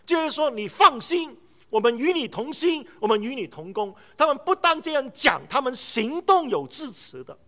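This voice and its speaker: 一位男传道人在讲道，语气生动，常模仿对话讲故事。. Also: male voice, extremely high pitch, moderate pace. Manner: animated storytelling, acts out dialogue. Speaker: preacher. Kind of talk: sermon.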